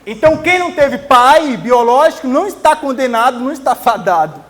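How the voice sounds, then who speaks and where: High-voiced earnest preaching man. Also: lively intonation, brisk. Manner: earnest, emphatic preaching with soft tender asides. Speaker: pastor. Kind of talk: sermon.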